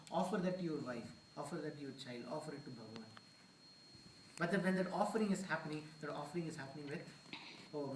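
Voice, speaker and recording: A man's voice: fairly high pitch, a little hiss or hum. A man giving an earnest discourse at a temple, mixing Hindi phrases into English. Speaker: temple speaker. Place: temple hall. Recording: echoey hall, mic far off.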